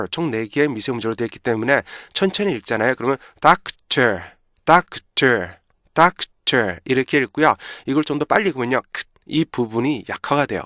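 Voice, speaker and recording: A Korean-speaking man teaching English pronunciation in a lesson, demonstrating words slowly and repeatedly and often checking in with his listeners. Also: mid-range voice, fairly bright tone, no echo, studio quality. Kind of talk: explanatory lesson.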